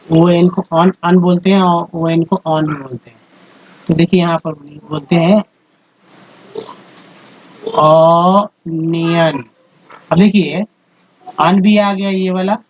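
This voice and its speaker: Man patiently drilling English letter sounds. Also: a little high. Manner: repetitive, step-by-step explaining, addresses viewers as friends. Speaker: English teacher. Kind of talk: slide-based phonics lesson. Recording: dull lo-fi audio with faint noise.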